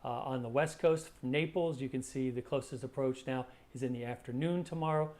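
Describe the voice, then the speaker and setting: A man's voice: medium pitch, a little fast, a little mellow. A man presenting a live weather briefing as a forecaster, talking conversationally and hesitantly, often repeating words as he explains.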